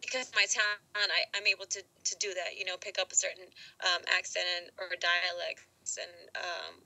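Young actress guest, very bright voice, talks loosely with restarts and laughter. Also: female voice, lowish voice, fairly even intonation, moderate pace, rough recording. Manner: rambling, laughs often, many restarts. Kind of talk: casual interview answers.

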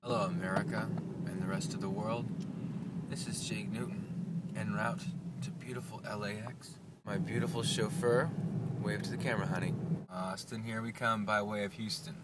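A man with a lowish voice jokes like a mock announcer as he vlogs from a car. He is caught on old camcorder audio with heavy hiss, sitting a little away from the mic. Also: steady tone, moderate pace. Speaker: vlogger. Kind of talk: joking travel vlog chat. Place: inside a car.

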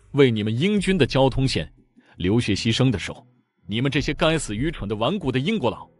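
A man voicing a cold, scornful Chinese army commander who lectures in a stern, even tone. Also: medium pitch, close to an everyday voice.

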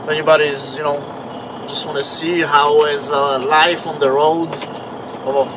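A man's voice: on the high side, little pitch movement, normal speed, noisy background. A man in his thirties with a foreign accent, English not his first language, vlogging from his truck cab at night in a rambling, swearing, self-mocking way. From Canada. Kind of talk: casual vlog diary.

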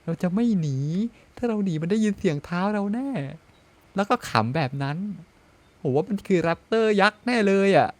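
A young man streaming a dinosaur survival game, yelping in panic when chased and muttering low when sneaking. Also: lively intonation, fairly quick. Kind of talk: excited gameplay commentary.

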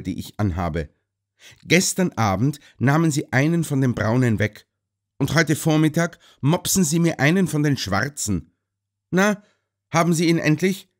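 A furious young gentleman storms about, loud and indignant in broad country speech, as a male narrator voices him. His pitch leaps up and down as he rants. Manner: shouting, broad country dialect.

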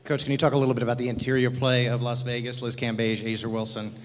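A man's voice: mid-range voice, level tone, fast, big-room sound. A man moderating a press conference, asking the coach questions in a businesslike way.

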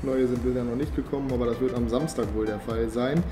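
Music plays beneath a young man's casual, slangy vlog talk as he films himself at arm's length, on residential streets and later in a living room. His mid-range voice stays steady while he talks fast and upbeat, a slight cold audible.

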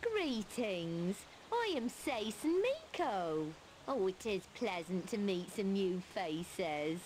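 A woman's voice: mid-range voice, very animated, slow pace, a little mellow, slight background noise. A woman voicing a friendly, gossipy village woman in a video game, talking politely. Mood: chatty.

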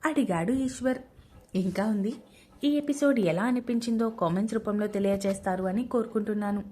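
A woman storyteller giving scripted narration of a family drama in an even, plain way. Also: medium pitch, a little fast, breathy edge.

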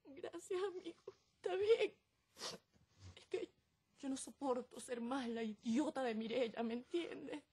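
A woman's voice: high-pitched, a little slow, mellow, slightly rough, exaggerated voice. An actress playing a hurt, crying woman in a telenovela, vehement and distressed. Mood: tearful. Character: hurt woman vowing to change her life. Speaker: soap opera character. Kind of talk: telenovela acting.

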